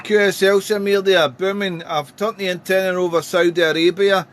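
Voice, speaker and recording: High-pitched British man working the radio. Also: steady tone. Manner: deliberate, using radio call phrases. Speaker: amateur radio operator. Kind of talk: casual radio contact chat. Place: home radio room.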